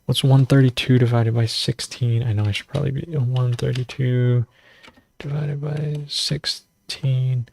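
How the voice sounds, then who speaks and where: Hosting a relaxed live farming Q&A for his natural farming stream, this man reads out recipes, wanders off topic, and trips over numbers and foreign words while poking fun at himself. He speaks at medium pitch with a flat, unhurried, gravelly delivery and a darkish tone.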